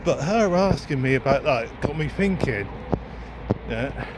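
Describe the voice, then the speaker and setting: Walking through a town street, a man who is a second-hand bookseller and vlogger talks casually, hesitating and rambling as he thinks aloud without a script. His voice is mid-range, animated and unhurried, and traffic and street noise fill the background.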